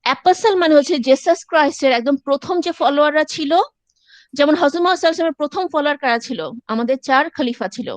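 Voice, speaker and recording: A woman's voice: high-pitched, racing, dry recording. A woman lecturer, explaining step by step in a class and mixing in English phrases. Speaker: university lecturer.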